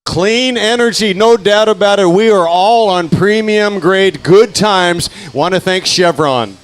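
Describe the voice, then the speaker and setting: A man with a slightly high voice co-hosts live coverage of a bike race. He cracks dad jokes between the action and calls the sprints with plenty of energy. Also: measured pace, smooth. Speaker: race commentator.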